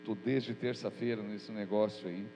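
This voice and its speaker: In an echoey church hall where mains hum can be heard, a pastor delivers a prayer and sermon. He has a cold that makes him sound nasal and stuffy, yet he speaks earnestly and informally, his lowish voice steady and at normal speed.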